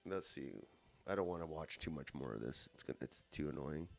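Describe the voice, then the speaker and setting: A man's voice: a bass voice, expressive, a little fast, vocal fry. A man hosting casual political commentary, mocking and swearing as he reacts to clips and mimics politicians in a sing-song voice. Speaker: host.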